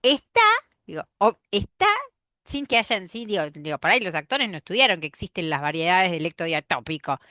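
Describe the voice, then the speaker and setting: A woman's voice: lowish voice, quick pace, hardly any pauses, bright, forceful tone, no room sound, studio quality. Rioplatense woman teacher lecturing a class. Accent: Rioplatense Spanish. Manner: explanatory, checks in with "¿sí?" often; demonstrates pronunciations aloud.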